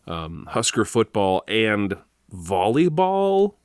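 A man co-hosting a casual sports fan podcast, talking in a relaxed, halting way with plenty of fillers. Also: on the low side, clean tone, no room sound, studio quality. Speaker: podcast co-host.

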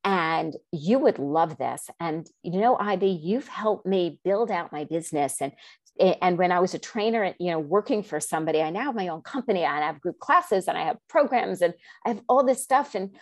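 Animated middle-aged woman telling her story. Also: normal speed, no room sound. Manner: animated, acts out quoted dialogue with big pitch jumps; rambling with restarts and asides. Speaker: guest. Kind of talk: storytelling in an interview.

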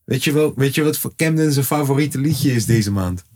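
A man, a father, co-hosting a podcast in casual, slang-heavy chat that breaks into animated, high-pitched exclamations. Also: moderate pace. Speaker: podcast co-host.

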